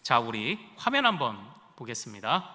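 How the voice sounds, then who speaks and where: A man's voice: mid-range voice, sing-song, moderate pace, pushed and bright, in a large hall. A male pastor preaching a sermon in a church sanctuary, with rising emphasis and questions put to the congregation. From Korea.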